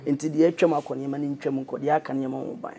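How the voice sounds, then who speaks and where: A Ghanaian man in his thirties with a Ghanaian accent, a radio presenter chatting as an interview guest in a jokey, animated way. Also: medium pitch, fast talker, slight background noise. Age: 30s. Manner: jokey, animated, laughing often. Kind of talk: casual interview chat.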